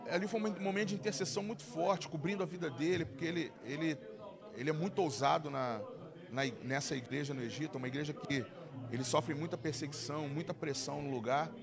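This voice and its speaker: Gravelly Brazilian pastor telling a testimony. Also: male voice, on the high side, crowd noise. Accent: Brazilian Portuguese. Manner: animated storytelling with frequent halting restarts. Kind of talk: sermon testimony told as a story. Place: church service.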